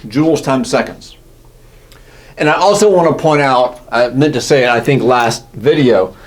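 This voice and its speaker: A man teaching physics in a casual, self-correcting lecture style, often checking in with "right?". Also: medium pitch. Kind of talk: classroom lecture.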